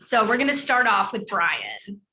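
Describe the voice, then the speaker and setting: A woman's voice: medium pitch, very animated, measured pace, bright, forceful tone. A middle-aged woman from the Chicago suburbs, hosting an online open house as student programs director, with an upbeat, chatty delivery full of fillers. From northern suburbs of Chicago.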